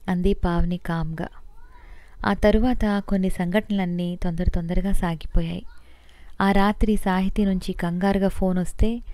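A woman narrating an audio novel in a steady, measured storytelling style. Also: lowish voice, clean tone, dry recording. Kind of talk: scripted narration.

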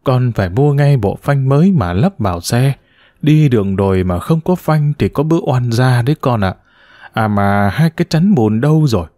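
A courteous older grandfather who speaks politely and a little hesitantly, as a male narrator puts him on. His pitch moves with animated swings. The sound is dry, with no room echo. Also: moderate pace, close to an everyday voice. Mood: fatherly.

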